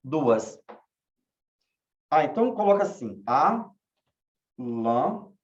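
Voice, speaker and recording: A man teaching a class, asking questions slowly and repeating key words. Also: fairly high pitch, big pitch swings. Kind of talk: online class lecture. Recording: echoey room, dull lo-fi sound.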